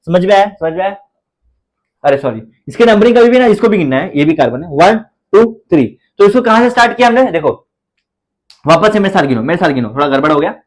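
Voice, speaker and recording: In this classroom chemistry lecture, an Indian-accented man speaks quickly and expressively in a high register. He asks students questions, repeats them, supplies the answers himself, and chants numbers playfully. The audio is poor.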